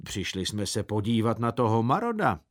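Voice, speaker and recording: A man's voice: fairly low pitch, big pitch swings. A man voicing a grumbling, stingy middle-aged uncle who sighs and complains in a storybook reading. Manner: complaining, sighing.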